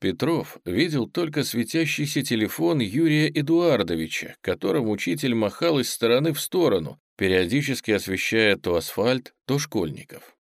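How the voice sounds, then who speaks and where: A man narrating an audiobook in an even, measured way. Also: mid-range voice, dry recording, clean studio sound.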